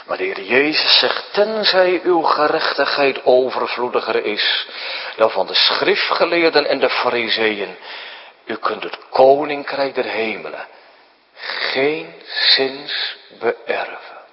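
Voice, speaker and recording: A man preaching a sermon, explaining things to children, jumping high for emphasis and sinking to a hushed whisper. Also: big pitch swings, takes it slowly, in a large hall, dull audio. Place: church.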